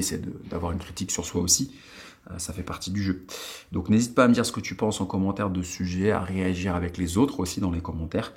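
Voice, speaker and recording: A man's voice: sits low, darkish tone. A man in his late thirties from France, hosting a watch vlog in casual chat, rambling with many fillers and restarts, recorded in a countryside attic. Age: 30s. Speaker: watch channel host. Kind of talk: casual vlog talk to viewers.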